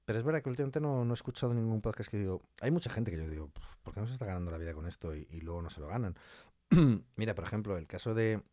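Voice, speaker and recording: A podcast guest who writes audio fiction, this man from Spain has a Spanish accent and a warm, lowish voice with lively intonation. He talks rapid-fire in a casual, colloquial way, frequently repeating phrases for emphasis, recorded with no echo.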